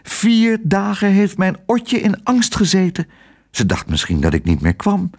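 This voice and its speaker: Man reading as a sailor dad, anxious, urgent, voice pitched up, storybook reading. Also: very animated, measured pace, heavily acted. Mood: worried. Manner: urgent, agitated. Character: anxious, impatient adult male sailor father.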